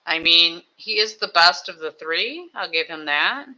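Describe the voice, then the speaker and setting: A live streamer building toy sets at a home desk, rambling casually and thinking out loud with self-mocking asides. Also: medium pitch, animated, unhurried, low-quality recording. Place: home desk with two computers.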